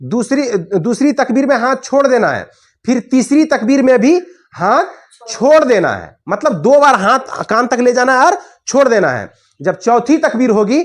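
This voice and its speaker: A woman teaching how to pray. She checks in with listeners often, repeats each step and asks it back, recites the Arabic prayer words slowly and drawn out, and moves through the prayer postures as she talks. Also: a little high. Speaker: religious teacher. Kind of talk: prayer instruction with demonstration.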